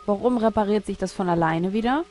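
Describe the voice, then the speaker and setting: A woman hosts a let's play and talks her way through the puzzles in a casual way. She mutters half to herself and puzzles out loud, in a medium-pitched voice. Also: brisk, faint music behind. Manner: puzzled muttering, thinking aloud. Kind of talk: casual gameplay commentary.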